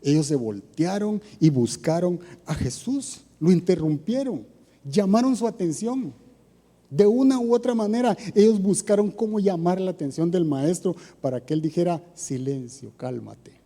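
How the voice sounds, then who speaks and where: A man's voice: sits high, animated, normal speed, mellow. A man preaching a sermon in a conversational way, asking his listeners questions, with a Costa Rican accent. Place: church. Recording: long church reverb.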